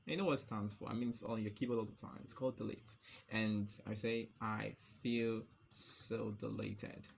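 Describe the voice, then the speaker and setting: A man walks through a coding tutorial in a loose, joking way, chuckling at his own asides. His voice is low-pitched and gravelly with a bit of fry. A faint hiss of noise sits under the recording. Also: steady tone, fast. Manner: chatty and playful, laughs at his own jokes. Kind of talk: casual screen-recorded coding lesson.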